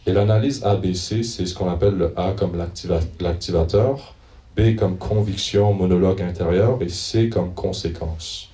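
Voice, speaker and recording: A man preaching in an informal, hesitant way, pausing to look through his notes and read passages aloud. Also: low-pitched, steady tone, warm tone. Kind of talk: informal church teaching. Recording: echoey room, mic at a distance.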